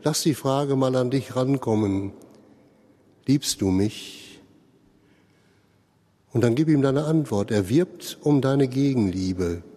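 Slow, mellow-voiced preacher in a church. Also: male voice, medium pitch, lively intonation, in a large hall. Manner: slow, earnest explaining, addresses listeners directly. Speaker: pastor. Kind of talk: sermon.

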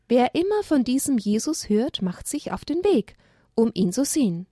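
A woman's voice: on the high side, very animated, dark tone, dry recording, clean studio sound, pitched above the performer's own voice. Woman doing a thoughtful wise owl. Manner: thoughtful, measured. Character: wise calm male owl who hunts at night.

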